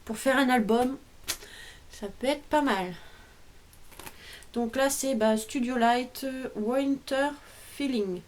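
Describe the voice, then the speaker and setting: At home, a woman vlogger shows off a craft haul in a casual, chatty way, hesitating and frequently trailing off. Her high voice moves slowly with long pauses, over slight background noise.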